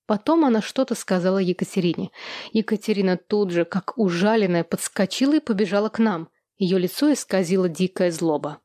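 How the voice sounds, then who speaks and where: A woman narrating a first-person audiobook with an even, measured reading. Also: medium pitch, no echo, studio quality.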